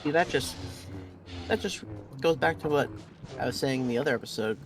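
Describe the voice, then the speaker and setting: A man giving casual game commentary, thinking aloud in a halting way. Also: mid-range voice. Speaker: let's play commentator. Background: game music and effects.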